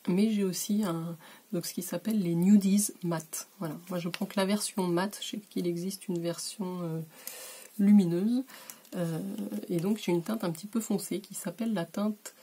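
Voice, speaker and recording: Woman, beauty vlogger, casual makeup tutorial, lowish mellow voice, faint hiss. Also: normal speed, slightly rough. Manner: relaxed and chatty, many hesitations, drops to a whisper while applying. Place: warm bedroom.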